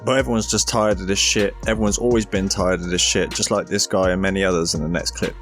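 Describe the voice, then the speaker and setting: A blunt, dismissive man delivers commentary over clips in a very low voice. Soft music plays under him. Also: fairly even intonation, fast talker.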